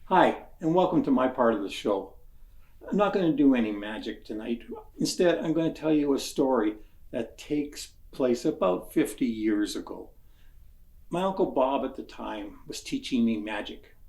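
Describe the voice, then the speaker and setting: A man's voice: medium pitch, lively intonation, normal speed, darkish tone. Older man storytelling in an echoey room. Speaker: magician performing from home. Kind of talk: storytelling to an audience. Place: room at home.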